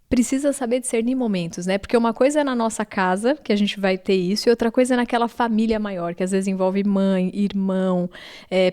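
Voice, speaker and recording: A Brazilian woman in her thirties, a talk show host, telling personal stories warmly and asking long questions. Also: fairly high pitch. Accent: Brazilian Portuguese. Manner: warm personal storytelling, asks long questions. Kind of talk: casual talk show conversation.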